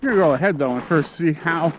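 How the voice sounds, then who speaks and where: A man's voice: a little high, fast. Man narrating a hike in noisy outdoor audio. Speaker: hiker narrating own trek. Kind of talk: casual outdoor trail vlog narration. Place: outdoors on a snowy mountain trail, windy in places.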